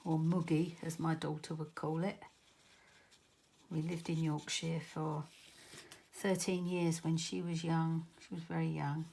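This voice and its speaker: A middle-aged woman with a southern English accent talks through a card-making tutorial in a casual, rambling way, often stopping to correct herself. Her voice sits low and carries a gravelly fry. Faint noise hums under the recording. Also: little pitch movement, measured pace, warm tone. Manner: chatty, rambling, self-correcting.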